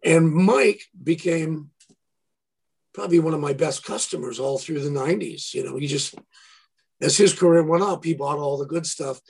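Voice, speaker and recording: A man's voice: on the high side, moderate pace, gravelly, a little hiss or hum. A man, a guitarist and former guitar store owner, telling stories in a casual interview and acting out the voices of people in them. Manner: animated storyteller acting out quoted dialogue.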